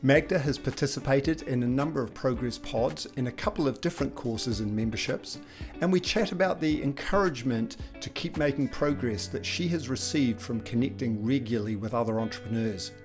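A man hosts a podcast. His voice is of middling pitch, and he reads his introduction smoothly before moving into relaxed, conversational questions. Faint guitar music plays underneath. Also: fairly quick. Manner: scripted, smooth delivery in the intro, then easy conversational asking. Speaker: podcast host.

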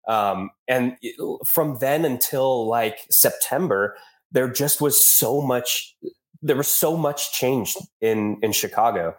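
A man's voice: medium pitch, slow. A man with a stuffed-up nose from a cold, co-hosting a podcast with casual, informal sports analysis. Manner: informal, says dude and man. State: congested from a cold. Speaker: podcast co-host.

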